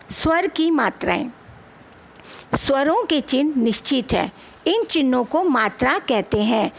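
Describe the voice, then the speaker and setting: A woman's voice: sits high, vocal fry. A woman teacher giving a grammar lesson to children, spelling out letters one at a time and answering her own questions. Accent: Hindi. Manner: asks the children questions, then answers them herself. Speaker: school teacher.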